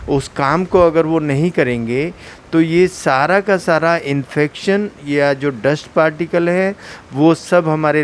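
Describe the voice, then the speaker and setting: A middle-aged man, an ENT surgeon, calmly explains a medical condition to an interviewer, pausing often on "uh". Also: fairly high pitch. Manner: calm, explanatory, with frequent "uh" fillers. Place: hospital clinic room.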